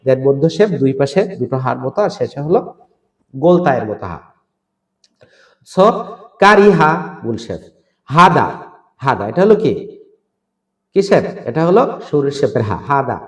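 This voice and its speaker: A man's voice: on the high side, lively intonation, brisk, reverberant. A man with a Bangladeshi Bengali accent teaching Quran letter pronunciation, drilling syllables aloud and mixing in English words. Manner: mixes English words into instruction. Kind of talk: online recitation lesson.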